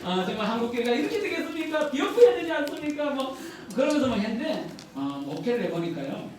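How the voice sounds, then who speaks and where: A man's voice: very high-pitched, very animated, fast talker, a little hiss or hum. Man preaching in a very echoey hall. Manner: conversational preaching with frequent rhetorical questions to the congregation. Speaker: pastor. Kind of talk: sermon. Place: church sanctuary. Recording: very echoey hall, voice from a distant mic.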